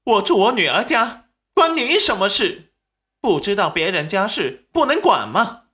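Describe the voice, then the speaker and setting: A man voicing a shrill, abusive middle-aged mother who screeches insults at her daughter. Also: sing-song, normal speed, pushed and bright, exaggerated voice. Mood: indignant.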